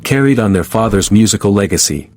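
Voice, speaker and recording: A male narrator with a fairly deep voice reads a scripted documentary tribute. His delivery is measured and solemn, in the manner of a storyteller. Soft music plays faintly behind him. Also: animated. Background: background music.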